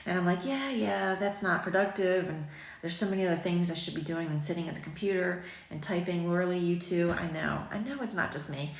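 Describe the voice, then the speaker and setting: Still a little raspy from waking up, a boutique owner in her forties vlogs over morning tea in her sunny home kitchen, her phone at arm's length. Her voice sits on the low side and moves briskly as she rambles chattily, laughs at herself, and says um often. The kitchen sounds echoey.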